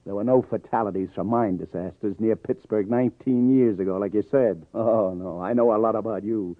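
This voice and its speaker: This actor voices a sardonic, hard-boiled New police detective in a 1950s radio crime drama, clipped and tough, with an accusing edge. His lowish voice runs fairly quick and only lightly acted, with no echo, over a tinny old broadcast carrying faint music.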